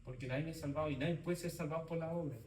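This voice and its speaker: A man teaches a theology class. He speaks in short, repeated phrases and often asks whether his listeners follow. His slightly high voice is caught from a distance in a roomy space with a faint hiss behind it. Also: fairly even intonation, rapid-fire, darkish tone. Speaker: Bible teacher. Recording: roomy echo, voice from off-mic, faint background noise.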